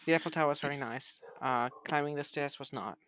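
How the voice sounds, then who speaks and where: A woman's voice: deep voice, fast, a bit bright. A woman chatting casually as a podcast co-host, playful and dryly teasing. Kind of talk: casual chat.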